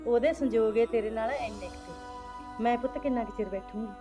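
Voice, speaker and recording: A woman's voice: on the high side, fairly quick, over music, lightly acted. A woman acting as an older village mother, coaxing her son and calling him "son" at every turn. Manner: coaxing, repeating "son" often. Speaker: actor in a short film.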